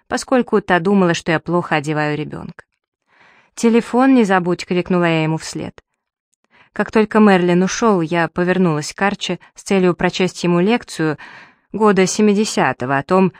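A woman narrating a novel in the first person, with even, wry storytelling. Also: fairly low pitch, dry recording. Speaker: audiobook reader.

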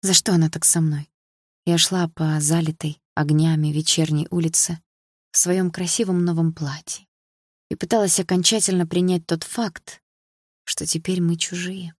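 A woman reads a first-person audiobook in a calm, measured way. Her voice sits low, and the recording is dry and close, with no room sound. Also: husky, no room sound. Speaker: audiobook narrator.

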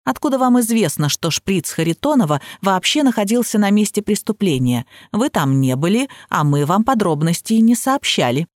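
A woman reading the part of a calm, authoritative male detective boss who speaks in measured, commanding tones. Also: high-pitched, dry recording, clean studio sound. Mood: probing.

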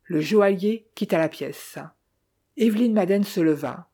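A woman narrating a novel as an audiobook, in a measured reading style. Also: mid-range voice, warm tone. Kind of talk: scripted narration.

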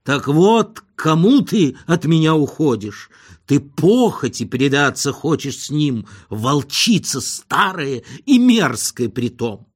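A man reading an audiobook and voicing a pompous, self-pitying middle-aged husband who whines in a slow, nasal drawl and declaims melodramatically. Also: a little high, lively intonation. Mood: whining tirade.

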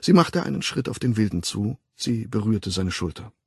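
A man reading a novel aloud as an audiobook narrator in a measured, expressive way. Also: fairly low pitch, gravelly, husky, no echo, clean studio sound.

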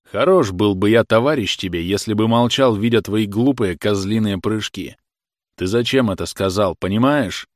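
A man voicing a gruff young workman who talks in a blunt, sardonic, teasing way. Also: lowish voice, moderate pace, no echo, clean studio sound, lightly acted. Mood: scolding.

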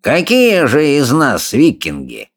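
A man's voice: fairly high pitch, huge pitch swings, slow pace, pitched above the performer's own voice, exaggerated voice. A man voicing a cocky, sneering Viking boy who mocks and threatens the others. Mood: mocking. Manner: mocking, hissing threats. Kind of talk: audiobook character voice.

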